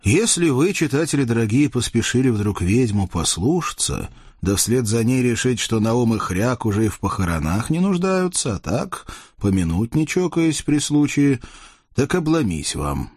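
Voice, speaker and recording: A man's voice: mid-range voice, big pitch swings, normal speed, darkish tone, breathy edge, dry recording, studio quality. A man narrating a fairy tale in a playful, folksy way, addressing the readers. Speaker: storyteller. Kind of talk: expressive audiobook narration.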